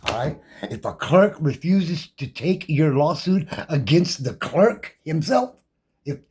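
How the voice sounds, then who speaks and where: A man's voice: fairly high pitch, very animated, takes it slowly, darkish tone, a little hiss or hum. A man delivering a combative, defiant monologue about his rights, slangy and profane, rattling off legal code numbers from memory. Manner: loose, repetitive, slangy and profane. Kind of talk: impassioned monologue rant.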